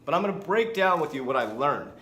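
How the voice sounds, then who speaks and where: A little high and fast, this fitness coach in his forties talks to camera with a roomy sound. His casual talking-head vlog is energetic and chatty, peppered with restarts.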